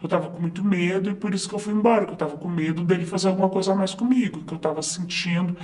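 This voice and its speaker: A man's voice: high voice, racing, darkish tone. A man narrating a first-person story in a conversational way, with fillers and asides to the listener.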